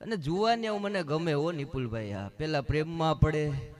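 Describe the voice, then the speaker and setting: A man's voice: fairly high pitch, animated, a little mellow. A male stand-up comedian from Gujarat, telling jokes in a chatty storytelling manner at a live show. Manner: chatty storytelling, quick punchlines.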